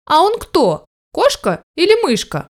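A woman's voice: wildly swooping pitch, measured pace, full character voice. A woman doing a timid little puppy. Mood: earnest. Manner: high plaintive pleading voice. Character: small lost puppy boy, timid and earnest.

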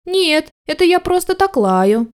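A woman's voice: big pitch swings, measured pace, exaggerated voice. A woman doing a timid little puppy. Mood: earnest. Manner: high plaintive pleading voice. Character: small lost puppy boy, timid and earnest.

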